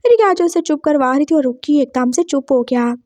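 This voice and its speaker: A woman's voice: sits high, lively intonation, moderate pace, a little mellow, no room sound. A woman doing a young woman scolding her boyfriend.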